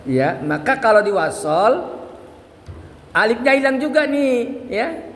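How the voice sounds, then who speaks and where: A man teaching Quran recitation, explaining the rules briskly and then chanting verses slowly and melodically to demonstrate. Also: very high-pitched, very animated, fairly bright tone. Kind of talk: religious lesson on Quran recitation. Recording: echoey hall with long reverb and faint ambience.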